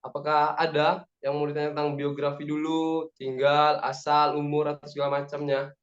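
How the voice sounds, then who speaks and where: A young man in his twenties from Padang speaks as a relaxed, talkative guest in an online meeting, cheering his listeners on. His voice sits a little high. The call audio is roomy and echoey, with a dull, lo-fi sound. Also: normal speed. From Padang, West Sumatra, Indonesia. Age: 20s. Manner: relaxed, chatty, rallying the audience. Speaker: guest speaker, aviation cadet. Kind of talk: casual talk in an online meeting.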